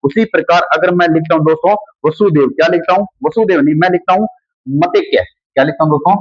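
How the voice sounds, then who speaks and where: A man's voice: on the high side, fast, husky, no room sound. A man teaching a grammar lesson, repeating each key word back as a question to his students. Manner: calls students "friends" often. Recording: dull lo-fi sound.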